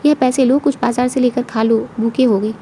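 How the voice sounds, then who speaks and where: Woman doing a proud housewife, firm, high and mellow voice. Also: steady tone, brisk, a little hiss or hum, close to an everyday voice. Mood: kindly. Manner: firm, sharp when insulted. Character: proud housewife, kind but quick-tempered.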